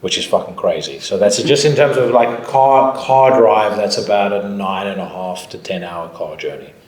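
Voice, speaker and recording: A South African man is asking a band questions at a live festival talk, casual and a little cheeky. His voice sits a bit low, and the room gives it a noticeable echo. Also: moderate pace. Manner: chatty, joking, swears casually. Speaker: interviewer. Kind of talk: casual panel interview.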